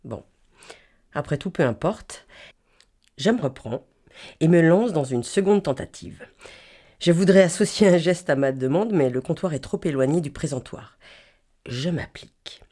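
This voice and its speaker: A woman's voice: low-pitched, lively intonation, moderate pace, pauses often, mellow. A French-speaking woman reading a humorous first-person column in a wry, playful way, miming sounds and accents.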